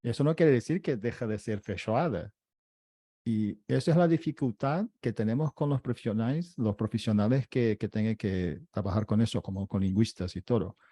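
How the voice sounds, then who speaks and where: A man from Brazil with a Brazilian Portuguese accent in his Spanish, talking casually on a panel in halting, hesitant phrases. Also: lowish voice, dark tone, no echo, clean studio sound. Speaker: interpreter and panel co-host.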